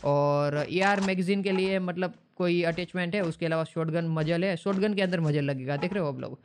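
A man's voice: on the high side, normal speed, a little hiss or hum. A man hosting a casual gaming update vlog, chatty and colloquial, often rephrasing himself and calling his viewers brother and guys. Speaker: gaming channel host.

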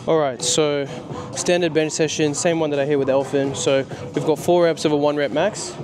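A young man hosting a gym vlog, giving a brisk, plain rundown of the workout. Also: fairly high pitch, steady tone, music in the background. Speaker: vlog host. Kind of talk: casual vlog narration.

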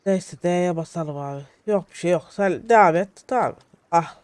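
A young man giving excitable solo let's-play commentary, jittery and shouting at his in-game companions. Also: high-pitched, normal speed, clean tone, no echo. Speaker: gaming YouTuber.

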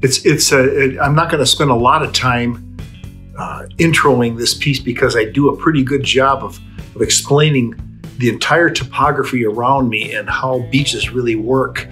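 A man's voice: medium pitch, steady tone, moderate pace, fairly bright tone, soft background music. A man in his sixties introducing a fishing segment to a webcam in a small room, conversational with restarts. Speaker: fishing show host. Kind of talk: casual to-camera introduction.

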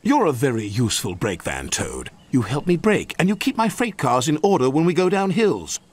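A man's voice: a little high, wildly swooping pitch, moderate pace. A man voicing a kind, helpful male engine in a reassuring tone.

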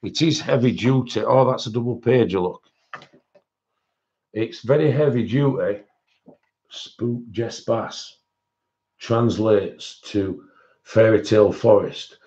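A man's voice: fairly low pitch, a little slow, dark tone, lo-fi sound. A man hosting a live-stream coloring-supply haul, rambling and chatting with viewers in their comments. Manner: chatty and rambling, with frequent fillers and self-corrections. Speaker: coloring book channel host.

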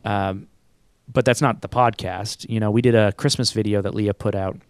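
A man with a lowish voice recorded close and dry, talking through answers in a relaxed way. He keeps circling back and restarting his sentences, laughs easily, and sounds like an agency owner chatting on his own podcast. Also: moderate pace, smooth, no echo. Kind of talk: casual conversational interview answers.

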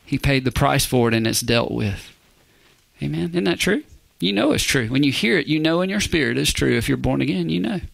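A male pastor preaching a verse-by-verse sermon, emphatic, often asking the congregation "Amen?" and dropping to a hushed whisper for emphasis. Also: mid-range voice, lively intonation, fairly quick, gravelly, no echo.

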